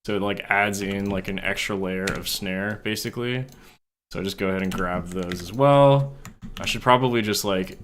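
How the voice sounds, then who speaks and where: A laid-back young man talks through his recording session on a live stream in a loose, casual way. His voice sits a little low, and he swears freely as he answers chat. A faint hiss runs under his speech. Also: moderate pace.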